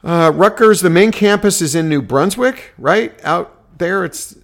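A man's voice: sits high, lively intonation, measured pace, creaky. A man co-hosting a casual sports podcast, rambling and playful as he interrupts himself. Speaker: podcast co-host.

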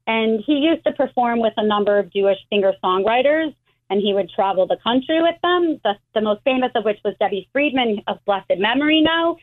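A middle-aged American woman, a rabbi, explaining things in a measured way with frequent restarts over the phone. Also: on the high side, animated. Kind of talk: phone interview. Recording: tinny phone line.

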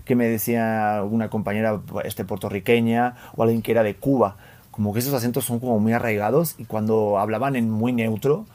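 A man from Spain with a Spanish accent, hosting a casual interview in an animated, playful way. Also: on the low side, fairly quick. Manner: animated, playful, acts out voices in quotes. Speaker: podcast host.

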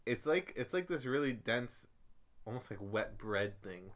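Male co-host, mid-pitched voice, sarcastic ribbing banter. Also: expressive, measured pace, fairly bright tone. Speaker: podcast co-host. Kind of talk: casual chat.

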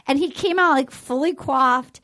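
A woman's voice: sits high, sharp tone. A woman hosting a podcast, chatting casually with an enthusiastic, gushing manner. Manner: enthusiastic, gushing, quick asides. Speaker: podcast host. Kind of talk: casual chat.

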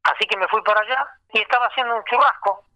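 Bright-voiced Argentine man telling stories. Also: high voice, fast talker, dry recording, poor audio. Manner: lively storyteller, acts out remembered dialogue. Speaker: singer recalling his career. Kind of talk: casual anecdote telling.

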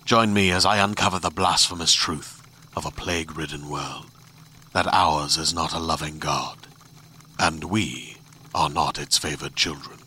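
A man's voice: extremely low pitch, steady tone, measured pace, pushed and bright, slightly rough. A man reading a scripted dramatic promo with a grave, ominous delivery. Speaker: promo narrator.

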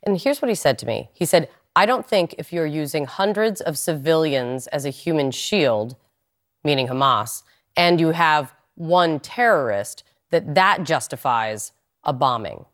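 A woman with a low voice and a standard American accent anchors a live news interview. She questions in a measured, probing way, like a broadcast journalist at work. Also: expressive.

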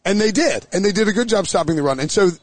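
A man hosting a casual sports chat, talking fast with lots of "like" fillers. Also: high-pitched, expressive, no room sound. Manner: fast, filler-heavy talk with "like".

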